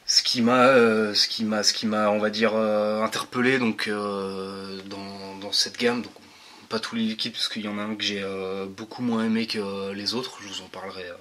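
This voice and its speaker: Slangy, halting man with a bright voice. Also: fairly low pitch, flat delivery. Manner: casual and slangy, halting with many restarts. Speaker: vape juice reviewer. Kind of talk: casual product review vlog.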